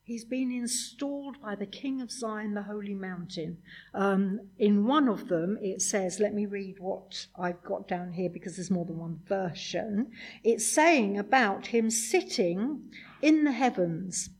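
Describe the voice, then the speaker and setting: A woman's voice: mid-range voice, measured pace, a little mellow, breathy edge. A woman preaching a sermon in a conversational way, full of rhetorical questions.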